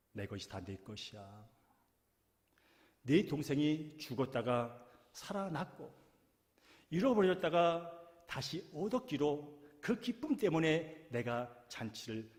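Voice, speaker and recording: A man voicing a gentle, dignified old father who speaks calmly and tenderly. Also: on the low side, long reverb tail, pitched below the performer's own voice. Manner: calm, soft, tender.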